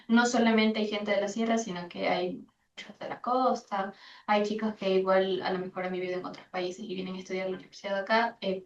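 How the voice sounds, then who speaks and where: A woman's voice: mid-range voice, a little mellow. A young woman from Venezuela, now at university, recounts her experiences to a focus group in a thoughtful way, restarting sentences as she searches for words. She is heard from across a reverberant room, and the sound is dull, with faint background noise. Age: young adult. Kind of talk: personal account in a group discussion. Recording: distant, roomy, muffled recording with faint noise.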